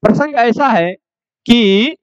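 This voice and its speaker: A Sanskrit grammar teacher speaks in a high, smooth voice, slowly and deliberately, posing questions and then answering them. The sound is dry and a little dull, with a lo-fi edge. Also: male voice, animated, dry recording. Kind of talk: classroom grammar lecture.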